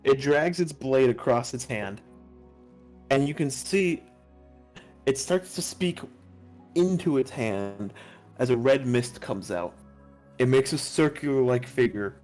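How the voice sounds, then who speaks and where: A man's voice: medium pitch, slow pace, long pauses, darkish tone. A man acting as game master, narrating a tabletop role-playing game. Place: online voice call. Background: background music.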